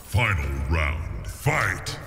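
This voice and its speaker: A man playing a grave, commanding fighting game announcer, booming out short, drawn-out calls. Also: huge pitch swings, gravelly, music in the background, full character voice.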